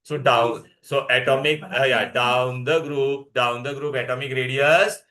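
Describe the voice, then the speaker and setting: Bright-voiced Indian man teaching a class. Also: medium pitch, steady tone, measured pace. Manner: repetitive, checks understanding, addresses students directly. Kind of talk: classroom lesson with rhetorical questions.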